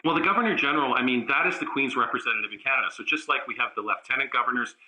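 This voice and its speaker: A man giving a political analysis in a remote news interview, measured and halting, with frequent fillers and restarts. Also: mid-range voice, pushed and bright, rough recording.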